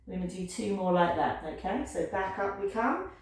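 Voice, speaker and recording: A woman leading a pilates class, giving calm, encouraging cues and counting down holds. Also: medium pitch, moderate pace. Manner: encouraging, gentle cueing, counts down aloud. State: slightly out of breath at times. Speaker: pilates instructor. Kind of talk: guided exercise class instruction. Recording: echoey room, voice from a distance.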